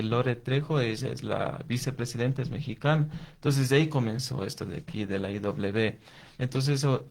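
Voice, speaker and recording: A man with an Ecuadorian accent, a watercolor artist and youth coordinator, answers interview questions in a conversational way, explaining things and frequently restarting his sentences. His voice is medium-pitched, creaky and darkish in tone.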